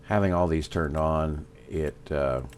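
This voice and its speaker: A man with a Southern US accent giving casual gameplay commentary, thinking aloud with fillers and pauses. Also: rumbling low, a little hiss or hum. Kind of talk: casual let's-play commentary.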